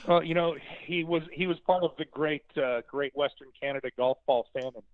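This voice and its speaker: A man talking hockey with confident, joking energy, heard over a tinny, narrow phone line. His voice sits slightly high, and the line sounds dry and close. He breaks down the team's chances in quick, lively bursts. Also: no echo. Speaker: hockey broadcaster guest. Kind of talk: sports talk call-in.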